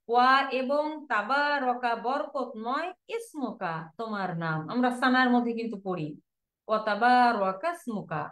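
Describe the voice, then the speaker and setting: A woman with a Bangladeshi Bengali accent teaches an online Arabic lesson, repeating word forms one by one as a drill. Her voice sits fairly high. The room around her sounds echoey. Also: a bit bright.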